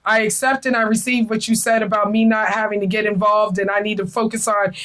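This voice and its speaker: A woman's voice: mid-range voice, little pitch movement, quick pace, a bit bright, poor audio. Earnest middle-aged woman hosting. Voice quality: earnest, emotional, repeats phrases. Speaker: podcast host. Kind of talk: casual spiritual chat.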